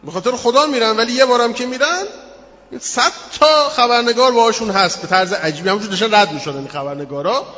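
A male preacher giving an expressive sermon that tells a story, acting out the lines of the people in it. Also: very high voice. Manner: expressive, acts out quotes in the story. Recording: echoey hall, muffled sound.

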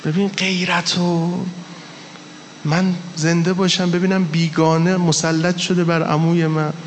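A man's voice: fairly high pitch, level tone, slight background noise. A man preaching an impassioned mourning sermon to a live gathering, telling the story with strong emphasis. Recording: reverberant hall with faint ambience.

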